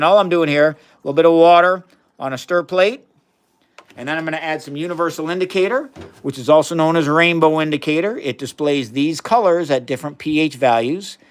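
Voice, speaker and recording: Enthusiastic male science streamer, slightly high voice, chatty teacher tone. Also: fast talker, clean tone. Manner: chatty, enthusiastic, reads chat aloud. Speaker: science livestream host. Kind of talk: casual live science demonstration.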